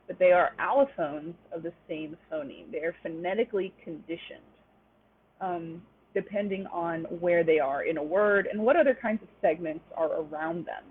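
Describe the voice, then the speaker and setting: The webinar instructor is a young adult woman whose fairly low voice carries a breathy edge. Her online lecture goes step by step with plenty of "um" fillers, heard over tinny, lo-fi sound.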